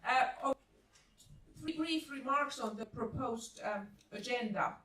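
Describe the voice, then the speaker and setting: Woman, soft-spoken, measured, academic panel, far from mic, roomy echo. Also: fairly high pitch. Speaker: panel speaker, media scholar. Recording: echoey room from far off, faint hiss.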